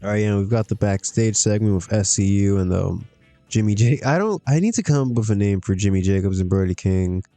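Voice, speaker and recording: A man's voice: fairly low pitch, animated, fairly quick, mellow, no room sound, soft background music. A man streaming a wrestling management game, chatting casually to himself, laughing often as he reacts to results. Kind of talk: casual gameplay commentary.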